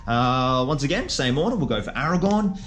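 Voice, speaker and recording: This is the host and player of a tabletop wargame video, a man whose mid-range voice is animated, fairly bright, and a little fast. His play-by-play is casual and self-mocking, full of jokes and exclamations at dice rolls, and music sits under his voice.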